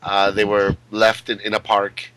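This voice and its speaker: A man hosting a talk show interview, animated and theatrical, gushing over his guest and telling chatty anecdotes. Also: on the low side, a little slow, no room sound, low-quality recording.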